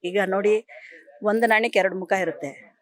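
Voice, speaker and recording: A middle-aged actress answers an interviewer with deep emotion. Her voice turns tearful at moments and she breaks off and restarts her sentences. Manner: emotional, speaks of grief with pauses and restarts.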